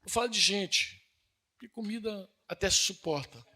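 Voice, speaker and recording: A man's voice: moderate pace, sharp tone. A man with a Brazilian Northeastern accent preaching a sermon in an earnest, conversational way, asking his listeners questions and building to emphatic peaks. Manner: rises to emphatic high-pitched peaks.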